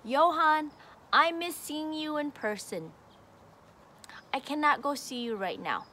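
A teacher in her forties reads aloud from a picture book to a child in a slow, simple, encouraging way. Her high voice is pushed and bright, with slight background noise. She sits outdoors on a patio by a brick wall, filmed on a phone at arm's length.

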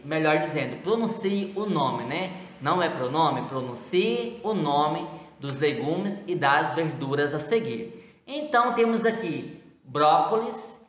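Low-voiced woman teacher in an echoey room. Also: a bit bright. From Brazil. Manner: explains step by step, checks in with "né?" and "então"; stretches out example words slowly, saying them twice. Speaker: primary school teacher. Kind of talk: recorded video lesson correcting exercises.

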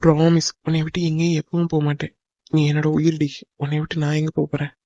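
A man's voice: fairly high pitch, flat delivery, quick pace, mellow, slight background noise, natural voice. A man voicing Hari, an earnest young lover. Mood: tender. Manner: pleading, soothing. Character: earnest young man in love, tender and reassuring. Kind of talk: cartoon drama voice acting. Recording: dull lo-fi dry recording.

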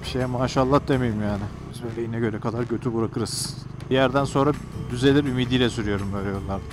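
A man's voice: mid-range voice, fairly even intonation, fast. Guy on a motorbike talking into his helmet mic, jokey and chatty, music under him. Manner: chatty, joking, talks straight to viewers. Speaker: motovlogger. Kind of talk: casual running commentary while riding. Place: outdoors on a motorcycle on country roads.

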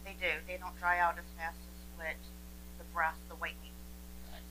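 A woman's voice: lowish voice, level tone, normal speed, background noise. A woman in her forties hosting a cooking show from a home kitchen, chatting and sharing tips as she cooks. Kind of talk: casual cooking demonstration.

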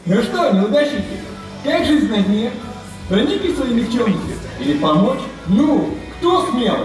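A man's voice: high voice, expressive, measured pace. A man playing a cocky, hot-headed young anime fighter in an overacted, taunting anime-dub manner. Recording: echoey hall from far off, music, crowd.

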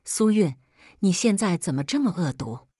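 A woman's voice: on the low side, expressive, normal speed, warm tone, breathy edge, no echo, clean studio sound. A woman reading the lines of a cold, scornful young man who is a powerful tycoon, in an icy, contemptuous manner.

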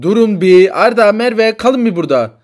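A man's voice: high-pitched, animated, normal speed. A man voicing a bewildered, protective father in a toy figure story, incredulous and firm with his children.

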